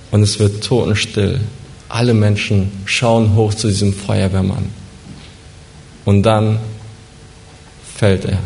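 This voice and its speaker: Male storyteller, lowish voice, second-person narration, suspenseful and deliberate. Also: a little mellow. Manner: vivid, suspenseful, slows down for dramatic moments.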